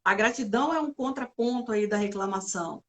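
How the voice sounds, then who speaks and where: A woman psychologist talking through emotional health in a relaxed church conversation, explaining step by step with frequent tag questions. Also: medium pitch, fairly quick. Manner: explanatory, many filler "né"s, acts out complaints.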